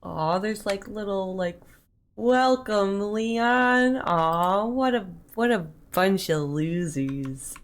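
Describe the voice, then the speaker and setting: A woman's voice: fairly low pitch, slow, few pauses. A woman streaming a horror game, reading in-game notes aloud and swearing casually at enemies. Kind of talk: live gameplay commentary.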